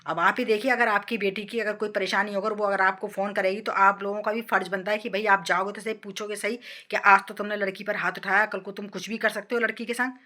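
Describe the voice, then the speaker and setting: Bright-voiced woman telling a family tale. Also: medium pitch, level tone, fast talker, hardly any pauses. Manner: emphatic, repetitive, moralizing asides. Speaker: vlogger storyteller. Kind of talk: storytelling vlog.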